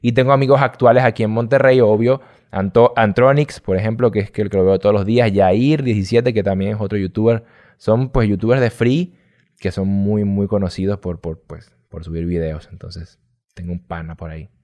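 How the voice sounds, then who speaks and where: A man's voice: lowish voice, a little fast. A young adult man from Venezuela with a light Venezuelan accent, chatting casually and rambling as an interview guest. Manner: relaxed, rambling, drops slang. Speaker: guest youtuber.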